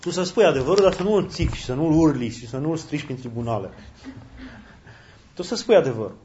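Lively priest preaching, lo-fi sound. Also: male voice. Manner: animated, pitch leaps high when quoting others. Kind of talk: sermon answering questions. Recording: dull lo-fi with faint noise and clicks.

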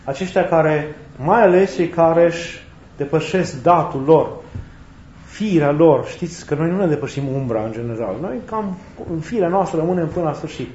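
A man preaching a sermon in a reflective way, often repeating and rephrasing his points, with touches of gentle humor. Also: a little high, expressive, a little hiss or hum. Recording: roomy, slightly dull recording with faint ambience.

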